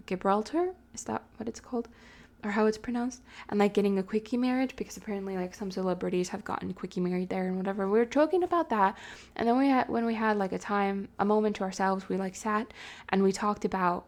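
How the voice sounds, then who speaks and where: A young woman vlogger telling a personal story in a chatty, animated way, swearing and laughing often. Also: fairly high pitch. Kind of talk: casual storytelling.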